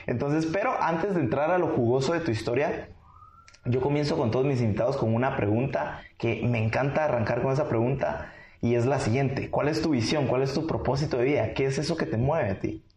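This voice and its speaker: A podcast host who greets the guest brightly, laughs often and asks questions in a casual, upbeat way. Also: medium pitch, a little fast. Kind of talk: casual interview hosting. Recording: echoey room.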